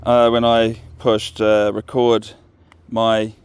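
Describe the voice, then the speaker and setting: A man with a New Zealand accent walks his dog along an outdoor path, recording a vlog on his phone as he rambles and thinks aloud without hurry. His fairly low voice is monotone but clear and resonant, and there is no echo.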